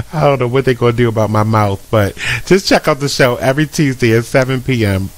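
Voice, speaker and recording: A man's voice: mid-range voice, brisk. A man hosting a radio promo, joking in a loose, slangy way. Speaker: promo host for another show. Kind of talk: casual promo banter. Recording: promo clip with loud music bed.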